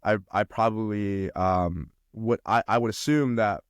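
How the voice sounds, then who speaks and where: In a casual podcast conversation about college life, a young man from China fills his speech with fillers and restarts. He has a lowish, clear, resonant voice with a steady tone and measured pace, recorded with no echo.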